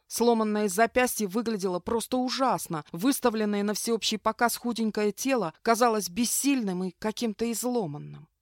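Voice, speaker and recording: A woman's voice: medium pitch, no room sound. Woman audiobook narrator, first-person fantasy, fierce vivid reading, dry close sound.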